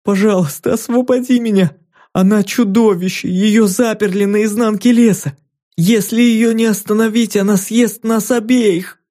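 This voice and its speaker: A man's voice: fairly even intonation, moderate pace, warm tone, natural voice. A man putting on a tearful captive little girl. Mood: desperate. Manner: tearful, pleading, high-pitched. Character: frightened little girl captive, about nine.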